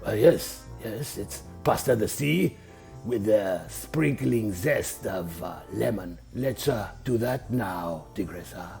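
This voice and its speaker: Gravelly, slow-talking shark gentleman played by a man, flamboyant comic host of dinner. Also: on the low side, soft background music. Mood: suave. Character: suave flamboyant male shark husband cooking dinner. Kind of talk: comedy sketch acting.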